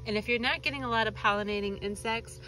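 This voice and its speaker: A woman in her thirties hosts a gardening channel vlog outdoors, filming herself on a phone held at arm's length and chatting like a friendly explainer. Allergies leave her voice congested and nasal; it sits on the high side with a sharp tone, and she talks fast. Faint music plays behind her, and the recording is rough.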